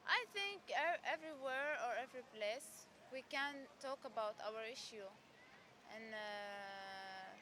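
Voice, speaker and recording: Earnest young woman, halting English. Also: fairly high pitch, background noise. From Palestine. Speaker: event participant. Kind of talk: documentary interview.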